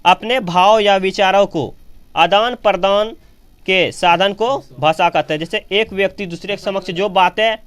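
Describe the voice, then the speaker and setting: A man's voice: high voice, unhurried, a bit bright, clear, resonant tone. A man teaching a grammar lesson on camera, asking questions and answering them himself, often repeating key phrases. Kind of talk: classroom lecture on grammar. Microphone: camera operator recording.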